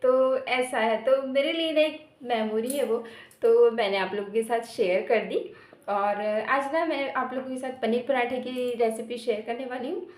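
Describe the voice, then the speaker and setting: A woman's voice: a little high, normal speed, slight background noise. A woman vlogger casually telling her viewers a personal story in a chatty way, sprinkling in short filler words. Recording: roomy echo.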